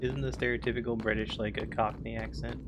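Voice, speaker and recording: A woman's voice: rumbling low, level tone, quick pace, background noise. A woman in casual gaming chat, musing aloud with chatty asides. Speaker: streamer player.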